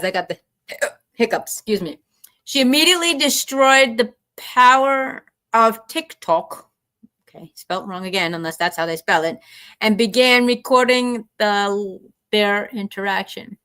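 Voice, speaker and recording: A woman's voice: a little high, pushed and bright. A woman co-hosting a casual show, reading a news story aloud and stopping often to comment on the wording. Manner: chatty, stumbles and comments while reading.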